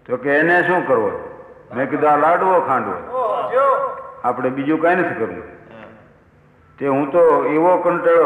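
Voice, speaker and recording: A man telling a comic folk tale, chuckling through a lively delivery full of quoted exchanges. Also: mid-range voice, phone-quality sound. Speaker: storyteller. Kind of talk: humorous folk storytelling. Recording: echoey hall with long reverb.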